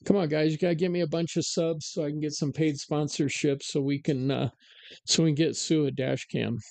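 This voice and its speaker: A man's voice: a little high, steady tone, a little fast, vocal fry, darkish tone, no room sound. A man hosting a live-streamed talk show, chatting casually and ranting sarcastically with plenty of fillers. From United States. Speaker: podcast host.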